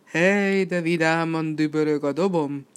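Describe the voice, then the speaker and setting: A woman voicing a boastful, hot-tempered male red devil in a storybook reading, with a booming, swaggering delivery. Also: animated.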